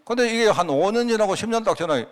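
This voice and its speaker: Male pastor, Gyeongsang Korean accent, middle-aged, chatty storytelling sermon, somewhat high voice. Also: animated, fast talker. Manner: chatty storytelling with frequent asides to the congregation. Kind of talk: conversational Friday prayer-meeting sermon.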